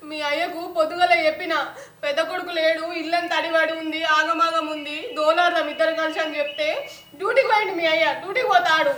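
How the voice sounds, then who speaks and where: A woman's voice: extremely high pitch, steady tone, fast talker, fairly bright tone, reverberant. An actress playing an anxious, tearful village mother who scolds her family, speaking with a Telangana accent. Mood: worried, tearful. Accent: Telangana Telugu. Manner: weepy, scolding.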